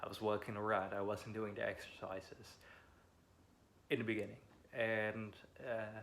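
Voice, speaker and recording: A young Dutch man in his twenties, whose first language is Dutch, speaks English with a Dutch accent in a fairly low, bright-toned voice, flat and measured. He's a vlogger telling a personal story at home beside a busy road, sounding a bit nervous, hesitant and apologetic, with frequent ums. Faint wind and passing traffic can be heard behind him.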